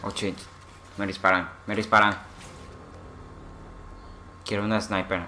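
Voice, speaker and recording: A man giving excitable gameplay commentary, swearing and making gun noises. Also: fairly low pitch, unhurried, background noise. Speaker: gamer playing a shooter.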